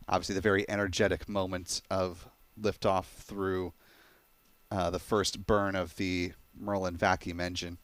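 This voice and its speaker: A man's voice: low voice, a bit bright, dry recording. A man giving explanatory live commentary on a rocket launch webcast.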